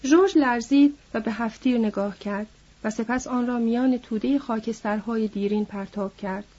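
A woman reads an audiobook in a measured, somber way. Her voice is mellow and husky and sits a bit high, and the lo-fi recording sounds dull. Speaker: narrator. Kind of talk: audiobook narration.

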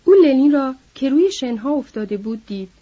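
Husky woman reading an audiobook. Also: sits high, expressive. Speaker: narrator. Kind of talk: audiobook narration. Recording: dull lo-fi recording.

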